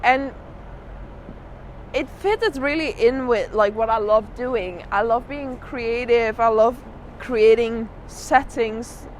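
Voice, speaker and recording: A woman's voice: fairly high pitch, slow. A woman giving a candid, reflective interview as a drag artist, telling her story with emphatic repeated phrases. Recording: noisy outdoor urban spot with traffic.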